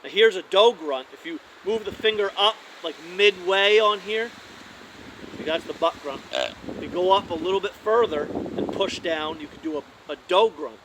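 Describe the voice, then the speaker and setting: Relaxed man explaining deer calls. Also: high-pitched, moderate pace, hardly any pauses, slight background noise, low-quality recording. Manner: relaxed, conversational, with frequent "like" and restarts. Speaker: hunting call demonstrator. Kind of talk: casual how-to demonstration.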